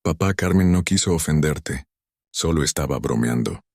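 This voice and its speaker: A man's voice: a bass voice, lively intonation, normal speed, a little mellow, dry recording, studio quality. A man voicing a defensive, dismissive adult son in a spoken story.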